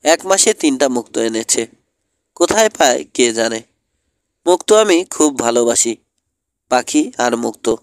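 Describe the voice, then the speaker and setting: A man's voice: medium pitch, lively intonation, unhurried, pauses often, dry recording, clean studio sound. A man voicing an eccentric bird-loving old lady. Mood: doting. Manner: sing-song, fussy. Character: eccentric older woman who loves birds and pearls.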